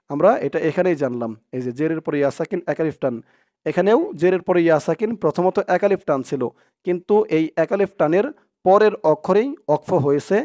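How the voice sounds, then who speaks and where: A man whose voice sits high with a dark tone teaches Quran recitation step by step. He spells out syllables one at a time and repeats them for his students.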